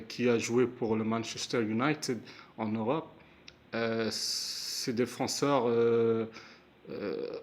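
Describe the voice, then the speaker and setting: A man giving his spoken opinion on a football match, hesitant, with many fillers and restarts. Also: medium pitch. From Canada, Montreal area. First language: Moroccan heritage; first language not stated. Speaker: amateur football commentator. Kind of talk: casual spoken match analysis.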